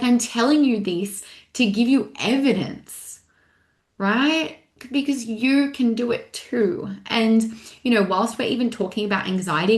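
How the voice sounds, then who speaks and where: A young adult woman coaching in a casual, animated way, with lots of fillers like "like" and "right". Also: fairly high pitch. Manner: casual, filler-heavy with frequent "like", animated retelling. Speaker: mindset coach. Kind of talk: motivational talk. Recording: echoey room.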